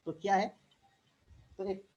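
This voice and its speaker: A man giving an informal motivational talk as a direct-selling distributor, repeating himself, adding tag questions and often clearing his throat. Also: high voice, a little mellow, dull audio.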